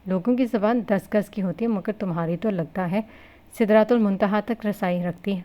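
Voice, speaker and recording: A woman's voice: mid-range voice, warm tone, natural voice. A woman voicing a blunt young husband who talks in a cold, scolding way, in a novel reading. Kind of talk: novel reading with character voices.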